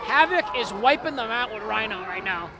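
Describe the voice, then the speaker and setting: A man's voice: sits high, lively intonation, moderate pace. A man giving opinionated, openly partisan color commentary on live wrestling. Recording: loud crowd noise behind. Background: wrestling event crowd.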